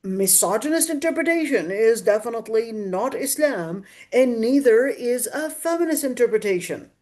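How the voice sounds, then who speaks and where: A female voice on the high side, teaching a religious class. She lectures in an emphatic, didactic way and comes back to key phrases, restating them for weight. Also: animated, normal speed, a little mellow. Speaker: religious teacher giving a Quran exegesis class.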